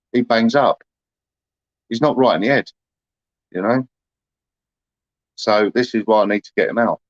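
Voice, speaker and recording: A man's voice: fairly low pitch, no room sound, dull audio. A man, chatting casually to livestream viewers in a rambling, aggrieved way, full of "you know".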